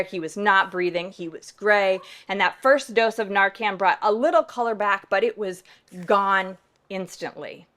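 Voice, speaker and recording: Woman reverend telling a story on stage, chatty and emphatic, keeps asking right?, goes loud then hushed. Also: mid-range voice. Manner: conversational and emphatic, often tagging "right?". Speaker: pastor. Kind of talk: storytelling to a live audience.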